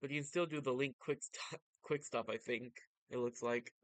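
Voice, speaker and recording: Male vtuber, casual fan commentary, mid-pitched clean smooth voice, close dry sound. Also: fairly even intonation, moderate pace, no room sound. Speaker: vtuber reading and commenting on manga.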